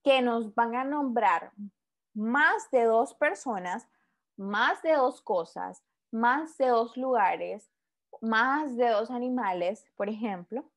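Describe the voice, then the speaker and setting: A woman's voice: fairly high pitch, slow. A woman teaching an English grammar lesson, explaining patiently, repeating example words and often checking with the class.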